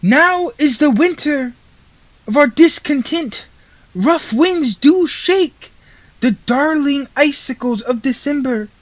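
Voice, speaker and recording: A performer playing a merry, stately Santa Claus in a mock-Shakespearean radio play, declaiming slowly and theatrically. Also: high voice, expressive, no echo, poor audio. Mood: solemn, urging. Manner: slow, declamatory, theatrical delivery.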